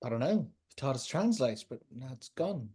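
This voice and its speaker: A woman voicing the Doctor, an eccentric male alien time traveller, in a fan audio drama, rambling through quick explanations. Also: a bass voice, big pitch swings, mellow, husky, full character voice. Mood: uneasy rambling.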